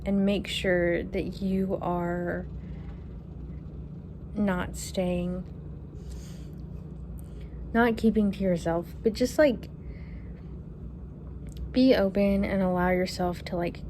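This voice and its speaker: A relaxed young woman in her twenties chats through viewer questions, thinking aloud and trailing off with fillers. Her voice sits at an ordinary mid pitch. She records on her phone at home, with a clear hiss of background noise. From Kentucky. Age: 20s. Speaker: vlogger. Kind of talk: casual Q&A vlog. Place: her apartment, indoors. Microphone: phone camera.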